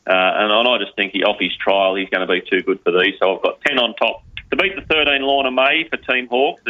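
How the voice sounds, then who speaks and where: A man giving horse racing tips on a podcast, in punchy phrases full of numbers and names. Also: on the low side. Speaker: racing tipster. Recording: slightly muffled, lo-fi audio.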